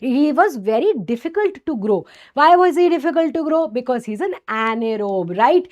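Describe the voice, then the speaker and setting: A woman's voice: high-pitched, expressive, moderate pace, darkish tone. A woman with a North Indian accent teaching a medical lesson, asking and answering her own questions, checking in often and slipping Hindi phrases into English. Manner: didactic, asks and answers own questions, frequent check-in tags like okay and right. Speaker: medical lecturer. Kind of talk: exam-focused microbiology lesson.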